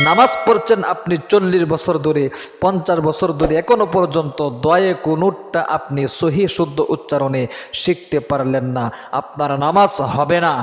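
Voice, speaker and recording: Man, religious teacher, drawn-out chanted syllables, slightly high voice, echoey room with long reverb. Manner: urgent exhortation, then slow drawn-out chanted syllables. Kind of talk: recitation lesson with repeat-after-me drills.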